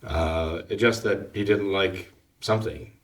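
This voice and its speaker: A man, a priest, explaining his views on a talk show in a measured, hesitant way, with many pauses and restarts. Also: low-pitched. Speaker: priest and guest. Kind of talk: casual talk-show discussion. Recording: somewhat distant from the mic.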